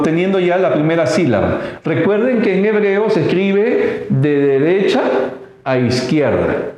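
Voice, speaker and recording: A man teaching a recorded lesson, slow and halting, pausing often with fillers and checking in with his listeners. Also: sits high, darkish tone. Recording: very echoey room.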